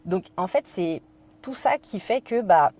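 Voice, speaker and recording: In conversation on a podcast, a woman from France shares a personal story at a measured pace. Her medium-pitched voice has a dark tone and lively intonation, and she's hesitant, leaning on fillers and quoting her own inner thoughts.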